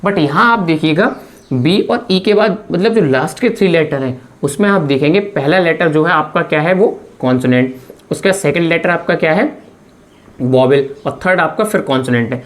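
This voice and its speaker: Woman, low pitch, grammar teacher, patient step-by-step video lecture. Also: animated, moderate pace. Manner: explains step by step, repeats "friends" and "okay" often.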